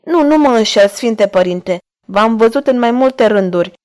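Woman reader doing a young abducted woman in an audiobook, high and emotional, pleading. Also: lively intonation, a little mellow, close to an everyday voice.

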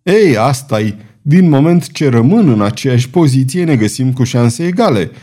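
Un bărbat care dă glas unui spadasin mândru și batjocoritor, guvernator de fortăreață, vorbind lăudăros și cu ton ridicat, provocator. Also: male voice, medium pitch, lively intonation, dark tone, lightly acted. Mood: boastful. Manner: boastful, taunting, triumphant. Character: proud, mocking adult male swordsman, fortress governor.

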